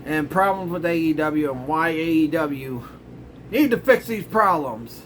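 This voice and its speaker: Middle-aged man, exasperated grumbling rant, slightly high pitch, faint background hiss. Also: expressive, unhurried, fairly bright tone. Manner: grumbling, exasperated ranting with sarcastic asides. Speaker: host. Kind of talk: casual ranting commentary.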